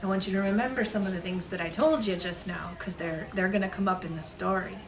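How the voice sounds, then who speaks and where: With a crowd audible behind her, a woman of medium pitch tells stories quickly to young children at an elementary school. Her phrasing is simple and repetitive with dramatic stress, recorded by a distant mic in a noisy room.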